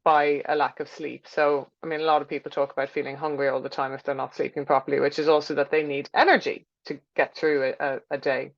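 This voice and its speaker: A woman giving an informal health lecture with slides, explaining in a chatty way and thinking aloud as she goes. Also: fairly low pitch. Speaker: teacher presenting a health class. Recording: dull, lo-fi sound.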